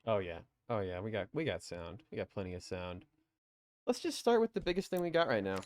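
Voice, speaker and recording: A man's voice: fairly low pitch, big pitch swings, a little fast, a little mellow, dry recording. A young man from Colorado chatting casually on a live stream, laughing easily and answering his chat. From Colorado, USA.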